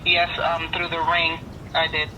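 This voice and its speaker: A woman's voice comes out of a small doorbell camera speaker, thin and very bright. She speaks in an even, level tone and keeps her replies polite and short. A faint hiss sits under the sound. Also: low voice, unhurried. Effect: heard through a doorbell camera speaker. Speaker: homeowner's wife answering the door camera. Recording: small tinny speaker, faint background noise.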